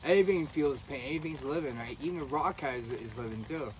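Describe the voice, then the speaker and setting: A man's voice: mid-range voice, fast talker. A man talking in a casual, earnest, rambling way, often restarting his sentences. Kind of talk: casual conspiracy chat. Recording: faint background noise.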